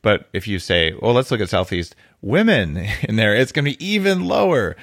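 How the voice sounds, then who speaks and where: A man hosting a podcast interview, chatting casually in an animated, joking, self-deprecating way. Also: lowish voice, moderate pace, gravelly, dry recording, studio quality. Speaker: podcast host.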